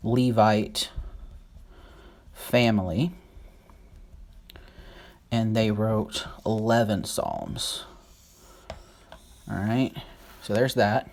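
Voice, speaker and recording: Slow, halting Bible study host. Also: medium pitch. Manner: halting, unsure of names, thinks aloud while writing. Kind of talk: casual Bible lesson at a whiteboard.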